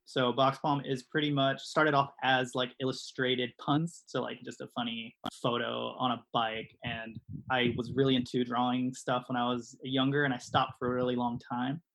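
A man's voice: mid-range voice, little pitch movement, normal speed, vocal fry, a bit bright, rough recording. A man in his thirties from California, chatting casually as a podcast guest in a laid-back, hesitant way. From California, United States. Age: 30s. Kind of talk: casual chat. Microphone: online video call at home.

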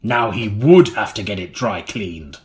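A melodramatic man narrates a scripted gothic audiobook in the studio, mock-serious and deliberate in delivery. He has a fairly low, expressive voice.

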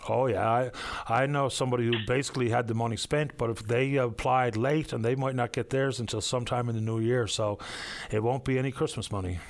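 A man working as a smooth, courteous radio call-in host on a headset mic, his voice going hoarse. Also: mid-range voice, fairly even intonation, fairly quick. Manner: easygoing, polite, courteous to callers.

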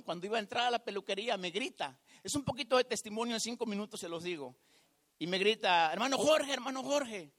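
A man's voice: high-pitched, a bit bright. A man preaching, telling a personal testimony in a conversational, storytelling way. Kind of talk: sermon testimony.

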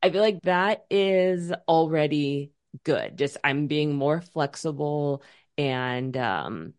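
A woman with a low voice co-hosts a podcast, speaking in a relaxed, rambling way full of restarts. She sounds like someone catching up with a friend. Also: slow pace. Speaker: podcast co-host; music teacher at a university. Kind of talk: casual chat.

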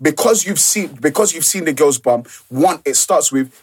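Husky, higher-pitched London man, emphatic and slangy. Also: lively intonation, moderate pace. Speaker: pastor and podcast co-host. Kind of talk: casual conversational debate.

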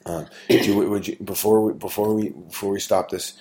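A man with a very low voice hosts a casual chat podcast. He talks in an easygoing, teasing way, often pausing on ums and starting sentences over. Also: fairly even intonation, dark tone. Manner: teasing, easygoing, halting with fillers and restarts. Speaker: podcast host and father.

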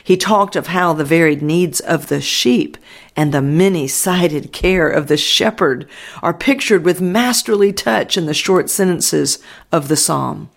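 A man narrating an audiobook in a measured, reverent way. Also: fairly high pitch, creaky. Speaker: audiobook reader.

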